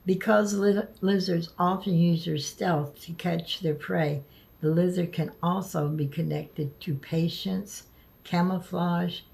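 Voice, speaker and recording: A woman vlogging casually, speaking haltingly and stumbling over words, with the lisping, slurred sound of missing front teeth. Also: sits low, vocal fry, a little mellow, rough recording. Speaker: video creator. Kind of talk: casual spoken vlog, partly reading aloud.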